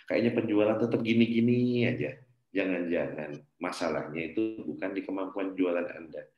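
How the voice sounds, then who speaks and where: A middle-aged man from Indonesia, a business coach telling a personal faith story to his class in an earnest way, swinging between loud and soft. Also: low-pitched, moderate pace, roomy sound, lo-fi sound, music in the background. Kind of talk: motivational religious talk to a class.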